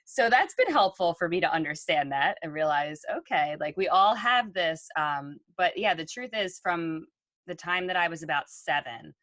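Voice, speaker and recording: A woman co-hosting a podcast talks earnestly and reflectively in conversational style, using lots of ums. Her voice is fairly low, animated and fairly bright, at normal speed, in a dry recording.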